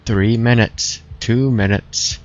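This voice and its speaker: A man with a lowish voice talks casually over his gameplay in a relaxed, musing way, often circling back and restarting his thoughts. The sound is dull and lo-fi, as if from a modest home mic. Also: slow. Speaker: streamer.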